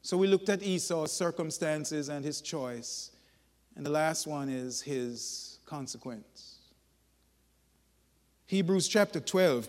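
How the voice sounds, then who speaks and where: A man preaching a sermon, telling folksy stories in an animated, emphatic way. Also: on the high side, big-room sound.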